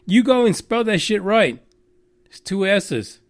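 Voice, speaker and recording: Very animated and a little slow, a high-pitched man from Texas runs a radio news program, delivering profane, rambling, mocking commentary full of filler words.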